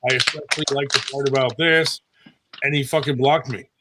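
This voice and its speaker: A man's voice: medium pitch, fairly even intonation, fairly quick, very noisy. An American man chatting casually in a laid-back manner. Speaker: participant in arm wrestling live chat. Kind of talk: casual chat.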